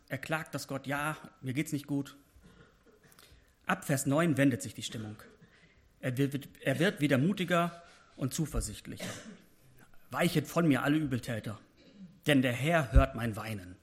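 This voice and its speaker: A man giving a personal devotional sermon, speaking with passion and rising to emphatic peaks when he voices prayers. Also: mid-range voice. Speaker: preacher.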